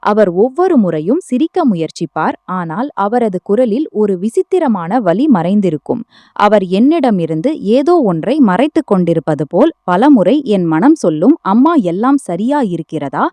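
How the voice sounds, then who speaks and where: A woman's voice: mid-range voice, big pitch swings, moderate pace, mellow, no room sound. A woman reading an emotional family story aloud as a first-person narrator.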